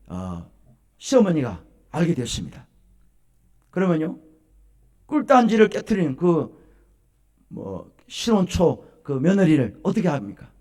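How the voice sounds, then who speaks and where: A male pastor giving a sermon at a church service, telling stories and asking questions of the congregation. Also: mid-range voice. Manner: animated storytelling, questions to the congregation.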